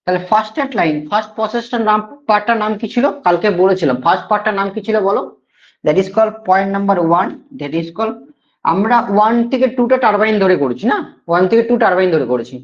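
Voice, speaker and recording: A man's voice: high voice, expressive, quick pace. A male teacher with a Bengali accent giving a classroom lecture, repeating key points and often checking that students follow. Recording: dull lo-fi sound.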